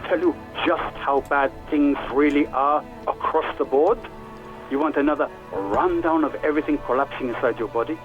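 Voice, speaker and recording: A man's voice: a little high, normal speed, phone-quality sound, soft background music, voice pushed up, close to an everyday voice. A man voicing a dismissive, sarcastic male medic speaking over a radio, mocking the listener in a dry tone.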